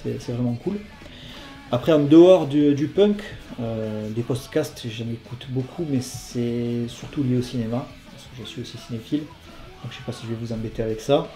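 Guy answering viewer questions, dark mellow voice, lots of ums and sorrys, echoey room, faint music behind. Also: mid-range voice, moderate pace. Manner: hesitant, apologetic, lots of fillers. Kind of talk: casual FAQ video chat.

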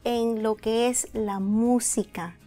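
A middle-aged woman presents a studio interview show. Her voice sits a little high, and she addresses audience and guest effusively. There is light music behind her. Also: fairly even intonation, slow pace, warm tone. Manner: effusive, complimentary. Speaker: host. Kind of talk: scripted-sounding programme introduction and interview. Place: indoor radio and TV studio set. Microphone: lapel mic.

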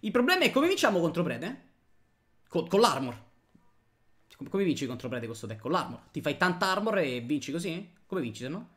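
A man's voice: on the high side, very animated, brisk, fairly bright tone. A man streaming live at his computer, thanking viewers one by one and chatting as he plays.

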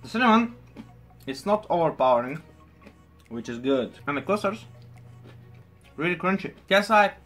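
A man's voice: sits high, sing-song, normal speed, pauses often, a bit bright, faint music behind. A man hosting a casual cereal taste test, chewing while talking as he thinks aloud with fillers and small self-corrections. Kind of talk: casual food review.

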